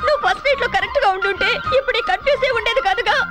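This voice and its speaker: A woman's voice: very high-pitched, rapid-fire. An actress playing a cheeky young woman who teases and bosses her brother-in-law in a film comedy. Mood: teasing. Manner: teasing, chattering, bossy. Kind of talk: comic film acting. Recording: film dialogue over music score.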